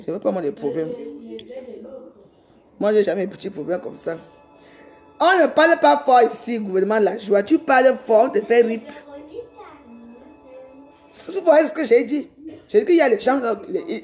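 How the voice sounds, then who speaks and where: A woman's voice: medium pitch, expressive, fairly quick, pauses often, dark tone, faint music behind. A middle-aged woman, ranting defiantly on a live stream and rambling with repeated words. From Cameroon. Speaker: social media livestreamer.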